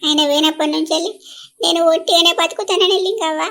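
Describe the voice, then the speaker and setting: A woman's voice: very high voice, quick pace, full character voice. A woman doing a wailing old Telangana granny. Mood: mournful. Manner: loud and wailing. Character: tearful elderly village widow grandmother.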